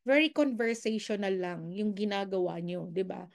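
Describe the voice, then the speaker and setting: A Filipino woman gives a casual sales coaching talk, switching between Filipino and English and often checking in with listeners via quick tag questions. Her voice is mid-range and creaky.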